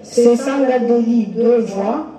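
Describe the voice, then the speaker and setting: A man, an election official formally reading out vote counts slowly with measured pauses. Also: very high voice, dark tone, heavy reverb, far from the mic, rough recording. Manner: slow, measured listing with pauses.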